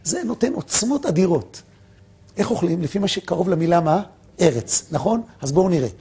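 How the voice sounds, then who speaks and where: A man gives a Torah lesson to listeners. His voice is pitched high and sounds husky, and his intonation climbs and falls all the time. He keeps asking questions and answering them himself. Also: lively intonation. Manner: questions the audience and answers himself, swings from loud peaks to quiet drops. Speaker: rabbi teaching Torah.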